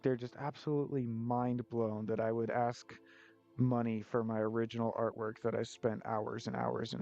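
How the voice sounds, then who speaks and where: A man's voice: mid-range voice, gravelly, mellow. A man, an artist, chatting casually on a live stream while he paints, joking about himself and rambling between laughs. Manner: joking, self-deprecating, rambling with frequent laughs. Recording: slightly muffled stream audio with faint music.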